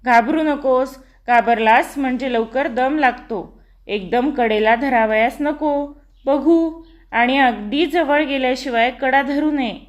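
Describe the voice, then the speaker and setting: A woman's voice: high voice, slow pace. A woman reading an audiobook, voicing a kindly young village man who coaxes and encourages a boy learning to swim. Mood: encouraging. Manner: encouraging, coaxing.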